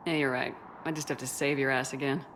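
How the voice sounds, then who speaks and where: Commander Shepard, very low-voiced soldier. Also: female voice, fairly even intonation, fast, background noise. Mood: teasing. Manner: cool, dry, assured. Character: tough, loyal female military commander, dryly humorous. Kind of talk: cinematic video game dialogue.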